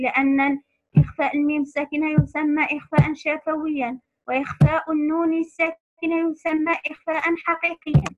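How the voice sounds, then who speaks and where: A woman teaching a lesson on recitation rules to other women, patiently repeating key terms slowly. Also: high voice, highs cut off.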